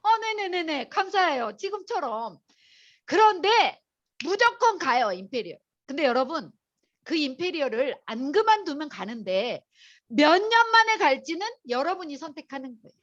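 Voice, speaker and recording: A woman giving a lively motivational seminar lecture to a live audience, chatty and storytelling, talking straight to the crowd. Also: high-pitched, moderate pace, lo-fi sound. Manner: animated, chatty storytelling, addresses the audience directly.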